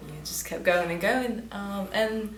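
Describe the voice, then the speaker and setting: A woman's voice: medium pitch, a little slow, reverberant, a crowd in the background. A teenage girl from West Tennessee, the top student, answering politely in an interview with nervous laughs. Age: teens. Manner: polite, laughs nervously, says yes sir. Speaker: top-ranked graduating student.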